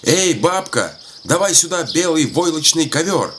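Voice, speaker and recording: A man voicing a patient, worn-out old peasant man in a folk tale, shouting and exasperated. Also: medium pitch, animated, normal speed, a little hiss or hum, pitched above the performer's own voice, lightly acted. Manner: shouting across the yard, exasperated.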